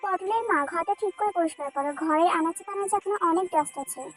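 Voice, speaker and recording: A woman's voice: extremely high pitch, fast talker, soft background music, low-quality recording. A woman voicing a teasing young man, an elder cousin back from studying abroad, in a dubbed fan drama.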